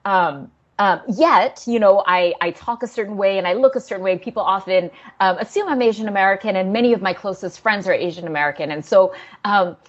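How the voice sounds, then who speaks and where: A woman's voice: medium pitch, fairly quick. A woman novelist from Singapore talks through her writing in a thoughtful, conversational way. Her voice sits mid-range, and she laughs lightly as she goes. The audio is dull and lo-fi, like a remote video call. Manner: thoughtful, laughs often, many fillers. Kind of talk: conversational interview.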